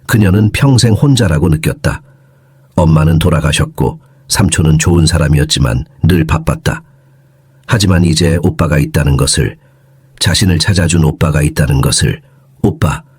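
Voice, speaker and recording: A man with a husky voice calmly narrating an audio story in a slow, soothing way. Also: low-pitched, no echo, clean studio sound.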